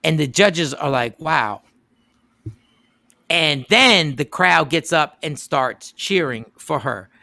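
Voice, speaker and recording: Man, radio host, casual storytelling, emphatic repeats, bright voice, gravelly edge. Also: a little high, slow pace, dry recording. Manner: animated retelling with quoted voices and emphatic repeats.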